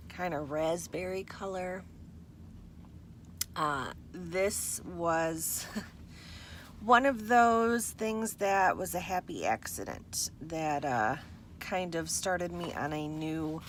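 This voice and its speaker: A woman showing her handmade journals in a casual vlog, relaxed and unhurried, with a husky morning voice and some throat clearing. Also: lowish voice, slight background noise. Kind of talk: casual show-and-tell vlog.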